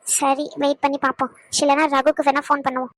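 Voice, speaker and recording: Anu, a very high-voiced clingy young wife voiced by a woman. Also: flat delivery, fast, no echo, close to an everyday voice. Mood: anxious. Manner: emotional, pleading, self-questioning. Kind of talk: animated cartoon voice acting.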